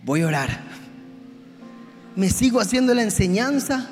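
A man preaching a sermon to his congregation, swinging from hushed confession to shouting. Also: high-pitched, lively intonation, unhurried. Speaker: pastor. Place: church hall. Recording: reverberant hall with faint music.

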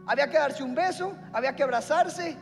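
A man's voice: very high voice, a little fast. A man preaching a sermon and asking the congregation questions. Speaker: pastor. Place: church hall. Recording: long hall reverb with faint music.

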